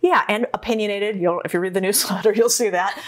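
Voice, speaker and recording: Woman from arizona being interviewed, chatty and animated, plays out what people said. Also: medium pitch, fast. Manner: animated storytelling, acts out quotes. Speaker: podcast guest, entrepreneur. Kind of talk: casual interview conversation.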